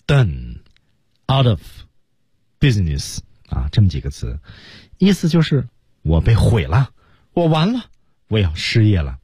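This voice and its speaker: A deep, husky man teaching English on radio, his voice swinging widely as he explains and acts out lines. It sounds dry and close in a studio. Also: wildly swooping pitch, measured pace, pauses often, darkish tone, no echo.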